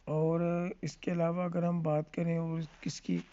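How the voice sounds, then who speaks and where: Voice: medium pitch, little pitch movement, warm tone, lo-fi sound. A teacher giving a classroom lesson on letter sounds, asking questions and answering them and often checking in with the listener. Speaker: English phonics teacher.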